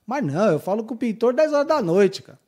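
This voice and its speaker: A man with a fairly high voice, chatting as a guest on a podcast. He is effusive and informal, with lots of slang and the odd mild swear word. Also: big pitch swings, fast talker, darkish tone. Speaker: podcast guest, works with house painters. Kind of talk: casual chat.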